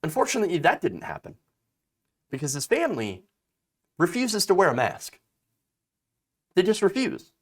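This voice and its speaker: This thirty-something man has a high voice with wildly swooping pitch, speaking at a normal speed but pausing often. He delivers forceful political commentary, reading a story aloud and responding to it, stumbling through fillers and restarts.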